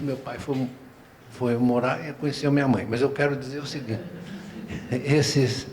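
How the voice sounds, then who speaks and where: An older man with a Paulistano Brazilian accent, speaking on a round-table panel in an unhurried, discursive way, often tagging his phrases with a questioning aside and restarting his sentences. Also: mid-range voice, a little mellow, a little hiss or hum. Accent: Paulistano Brazilian Portuguese. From São Paulo, Brazil. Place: museum auditorium.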